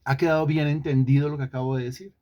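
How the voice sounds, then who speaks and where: A man's voice: mid-range voice, level tone, fast talker, a little mellow, lo-fi sound. Guy teaching a bible class online, asks the students stuff, says everything twice. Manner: questioning, repeats himself for emphasis.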